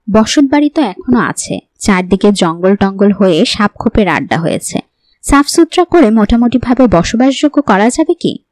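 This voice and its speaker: A woman narrating a horror novel in a calm storytelling voice. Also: mid-range voice, dry recording. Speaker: audiobook narrator. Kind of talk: storybook narration reading all parts.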